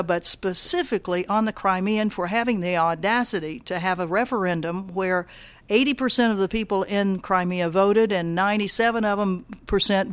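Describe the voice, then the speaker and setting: An older woman and peace activist answering interview questions casually, pausing often with fillers and restarts. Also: medium pitch, dry recording. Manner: halting, many fillers and restarts.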